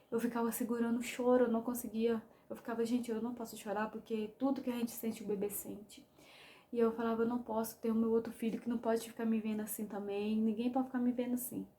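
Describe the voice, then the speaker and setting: A young Brazilian woman tells her own story straight to her viewers, speaking with feeling and calling out to them often. Her voice sits a touch high but sounds mellow and warm. A faint hiss runs under the recording. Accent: Brazilian Portuguese. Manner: emotional storytelling, addresses viewers as "gente". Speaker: vlogger. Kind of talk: personal testimony to camera.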